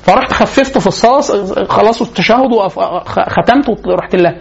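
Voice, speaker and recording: A man with an Egyptian accent giving a religious lecture on parenting, telling lively stories and laughing often. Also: high-pitched, fast talker, vocal fry, slightly rough, lo-fi sound. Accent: Egyptian Arabic.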